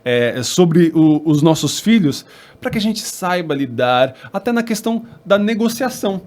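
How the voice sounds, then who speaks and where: A man's voice: sits high, moderate pace. Brazilian man telling a story animatedly. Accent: Brazilian Portuguese. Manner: storytelling, animated, acts out dialogue. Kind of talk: church podcast conversation.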